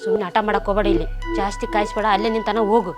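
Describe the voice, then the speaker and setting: A woman's voice: mid-range voice, fairly even intonation, racing, over music, voice pushed down, lightly acted. A middle-aged woman playing a stern mother, curt and scolding, with a North Karnataka Kannada accent. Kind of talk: short film acting.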